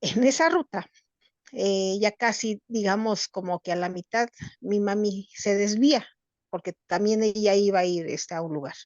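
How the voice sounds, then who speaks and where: A middle-aged woman with a Mexican accent tells a personal story to a group in an earnest, halting way, with many restarts. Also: medium pitch, darkish tone, no echo, muffled recording. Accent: Mexican Spanish. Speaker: workshop participant.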